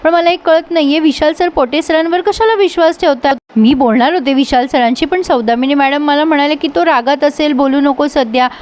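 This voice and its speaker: Woman reads earnest young heroine, high and gentle. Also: fairly quick, few pauses, close to an everyday voice.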